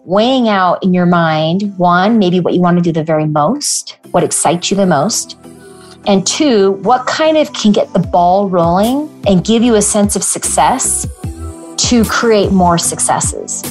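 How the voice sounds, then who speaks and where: A woman's voice: lowish voice, expressive, unhurried, a little mellow, soft background music. A woman speaking in casual conversation as a guest on a podcast.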